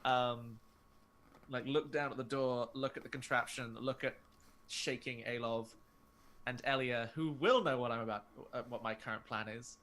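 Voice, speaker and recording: Hesitant, wry male player in casual game talk; bright, forward tone. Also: mid-range voice, fairly even intonation, normal speed. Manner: hesitant, many fillers, wry. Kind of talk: casual tabletop game play.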